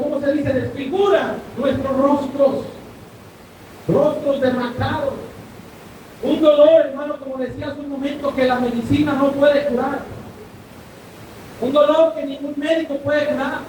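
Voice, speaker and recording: A man's voice: fairly even intonation, a little slow, pauses often, darkish tone. A male pastor, preaching a sermon and often asking the congregation if they follow. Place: church hall. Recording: echoey room, distant mic, faint rumble.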